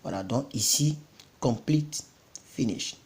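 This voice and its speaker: Repeating every word several times before explaining it, a man from Côte d'Ivoire runs an informal vocabulary lesson as a self-taught English tutor. He speaks at medium pitch, slowly and animatedly, in a slightly mellow voice.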